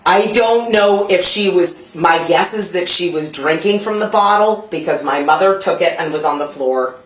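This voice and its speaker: A woman's voice: lowish voice, moderate pace, echoey room, rough recording. A middle-aged mother giving police a rambling, anxious account inside her home, full of restarts. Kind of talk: tense spoken account to police.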